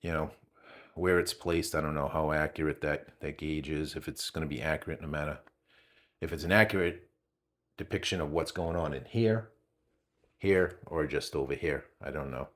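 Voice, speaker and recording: Deep-voiced New England man calling readings. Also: normal speed, a bit bright. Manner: chatty, calls out readings, rambles with asides. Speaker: channel host testing gear. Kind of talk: casual hands-on test narration.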